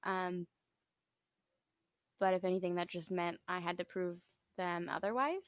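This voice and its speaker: A young woman, a former cheerleader, answering questions in a relaxed and reflective way on a podcast. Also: on the low side, measured pace, clean tone, dry recording. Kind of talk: casual podcast interview.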